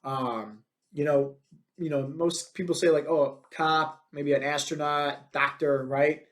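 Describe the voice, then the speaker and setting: A fitness coach in his thirties hosts his own podcast, delivering a blunt, energetic motivational monologue packed with fillers, especially "like" and "right?". His voice is a little high, and he speaks at a measured pace.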